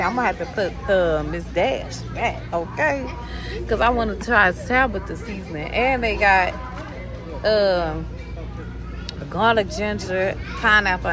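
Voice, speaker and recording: Chatty woman vlogging a grocery run. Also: medium pitch. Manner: chatty, addresses viewers as y'all. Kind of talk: casual grocery vlog narration. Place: supermarket aisles. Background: store background music.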